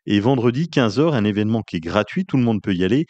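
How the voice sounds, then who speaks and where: A man with a fairly low voice hosts a conversational radio interview. He puts questions to his guest and recaps practical details. The sound is dry, with little room around it. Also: animated, fast talker, a little mellow, dry recording, lo-fi sound.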